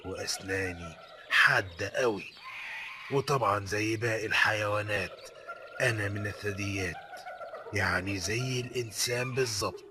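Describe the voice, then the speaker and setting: A man's voice: lowish voice, noisy background, natural voice. A man with an Egyptian accent voicing a proud, friendly male lion who explains facts to children in an educational cartoon. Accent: Egyptian Arabic. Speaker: narrating animal character for children.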